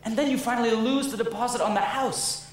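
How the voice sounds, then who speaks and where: A man's voice: very high-pitched, fast. A young man playing a wistful middle-aged theatre fan who talks wryly to the audience on a stage musical. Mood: rueful. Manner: chatty, wry asides to the audience. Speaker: Man in Chair. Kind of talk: student stage musical acting. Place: school auditorium stage. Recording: echoey auditorium, audience noise.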